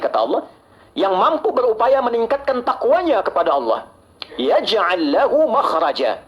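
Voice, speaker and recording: A man delivering a Friday sermon, measured and emphatic, rising in pitch on rhetorical questions and Quran recitations. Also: poor audio. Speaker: Friday preacher.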